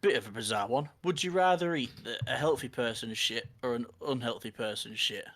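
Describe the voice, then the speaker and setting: A man's voice: mid-range voice, fairly quick, a bit bright. A man with a mid-range voice co-hosts a casual podcast chat. He reads out listener questions in a dry, matter-of-fact way. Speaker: podcast co-host.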